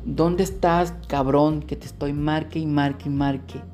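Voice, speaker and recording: A man voicing an angry mother who loudly demands to know where her child is. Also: on the high side, fairly even intonation, measured pace, soft background music, natural voice. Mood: scolding. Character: angry scolding Mexican mother.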